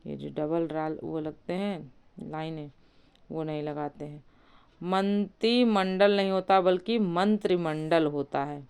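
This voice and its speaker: A woman teaching a spelling lesson, slowly and deliberately breaking words into their parts and asking questions as she goes. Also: on the low side, creaky, darkish tone, clear, resonant tone.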